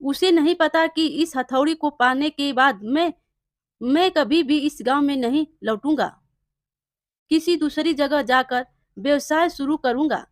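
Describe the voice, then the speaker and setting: A woman's voice: sits high, unhurried, no room sound, clean studio sound. A woman doing a jealous male blacksmith. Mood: gloating.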